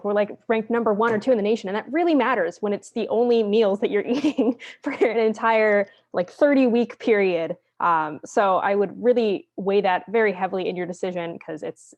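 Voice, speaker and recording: A woman's voice: medium pitch, a little fast, hardly any pauses, darkish tone. A young woman on a student panel, giving enthusiastic advice. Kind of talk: casual panel talk. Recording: slightly dull mic.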